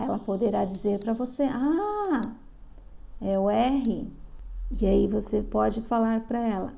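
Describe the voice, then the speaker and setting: A middle-aged woman from Brazil, a literacy teacher explaining to parents, slowly sounding out syllables. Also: on the high side, vocal fry, mellow. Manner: slow, drawn-out sounding of syllables.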